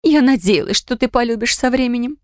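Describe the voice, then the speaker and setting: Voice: medium pitch, fairly quick, smooth, no echo, clean studio sound, voice pushed up, lightly acted. A woman reader voicing a young wife who wails and pleads, in an audiobook story. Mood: pleading, whiny. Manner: wailing, pleading. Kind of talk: audiobook character voice.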